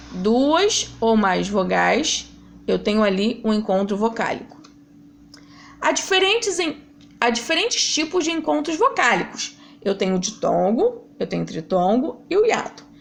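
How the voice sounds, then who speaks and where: Brief: woman teacher, slightly high voice with some vocal fry, patient step-by-step explanations. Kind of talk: recorded grammar lesson for pupils.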